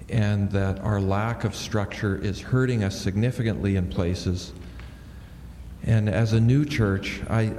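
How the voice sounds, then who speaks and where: A man's voice: fairly low pitch, warm tone. A man, a senior minister, speaking reflectively on a panel and thinking aloud with restarts into a handheld microphone. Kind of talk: panel discussion. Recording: echoey hall with faint noise.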